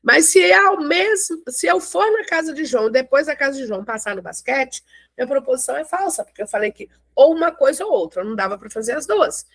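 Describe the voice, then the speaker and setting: Her voice is high, animated, creaky, and fairly bright as she leads a classroom math lecture in a dry recording. She goes step by step and slowly, frequently checking in with her listeners.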